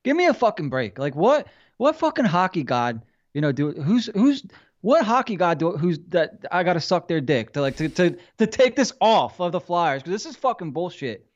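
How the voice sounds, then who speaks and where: A man's voice: sits high, big pitch swings, normal speed, dull audio. A man co-hosting a podcast, venting in casual sports chat with exasperated rhetorical questions and heavy swearing. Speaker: podcast co-host.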